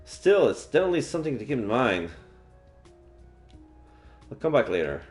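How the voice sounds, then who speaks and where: A man streaming a game reads visual novel dialogue and narration aloud live, his mid-range voice sing-song at a moderate pace. Faint game music plays behind him.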